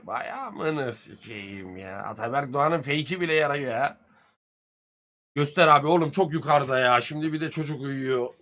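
Male streamer, 30s, a touch high, bright edgy tone, crude swearing banter with chat. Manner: lively, swings loud and soft. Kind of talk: casual live-stream chat with viewers.

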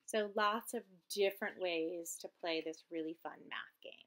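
A woman hosting a children's program, reading a picture book aloud in an expressive storytelling manner. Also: on the low side, moderate pace.

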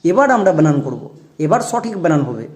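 A man's voice: on the high side, very animated, fast, a little mellow. A man teaching English pronunciation in a classroom-style lesson, spelling out words letter by letter and asking his viewers questions as he explains.

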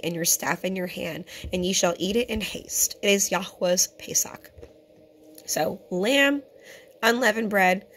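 Hoarse woman teaching scripture. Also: medium pitch. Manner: earnest and conversational, addresses viewers as brothers and sisters. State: hoarse, keeps clearing her throat. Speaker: teacher of a Torah fellowship. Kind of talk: home-made teaching video.

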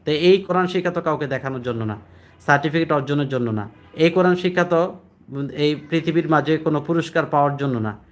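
Man teaching Quran recitation. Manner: explains rules, then chants Arabic verses slowly and higher. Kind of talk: spoken Quran lesson with chanted recitation.

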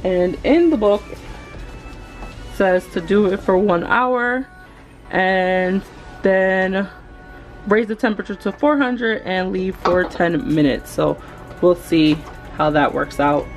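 A young adult woman chatting to viewers as she cooks in her home kitchen, excitable and talking as she works. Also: medium pitch, slow, soft background music, rough recording. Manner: chatty, excitable, talks to viewers while working. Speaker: cooking vlogger. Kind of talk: casual cook-along narration.

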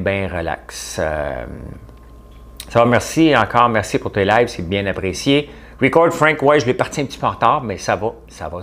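A middle-aged man with a Quebec French accent, hosting a casual livestream and chatting with viewers by name. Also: fairly low pitch. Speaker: livestream host reading viewer comments. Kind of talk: casual live chat.

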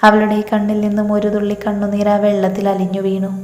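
A woman narrating a romantic story in a steady, even reading voice. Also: mid-range voice, brisk. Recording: echoey room with long reverb.

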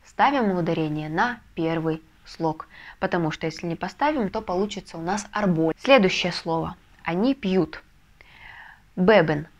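A woman teaching a video lesson, explaining step by step with patient, soft confirmations. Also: on the low side, lively intonation, normal speed. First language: Russian. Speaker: Spanish language teacher. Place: language school in a Russian city.

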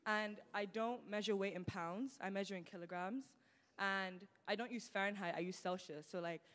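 On a church stage, a Nigerian teenage student guest speaks casually into a handheld mic, her talk full of "like" fillers and her accent British-tinged Nigerian English. Her mid-range voice is a bit bright at a moderate pace, with the long reverb of a large hall behind it.

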